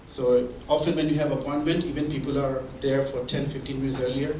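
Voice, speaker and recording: Male presenter, mid-pitched, explaining with examples, heard from a distance in a roomy hall. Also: flat delivery, brisk, warm tone, slight background noise. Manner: explains with examples, many restarts. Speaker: presenter at a mentoring event. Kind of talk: conversational presentation. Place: meeting room or hall. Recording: echoey room from far off.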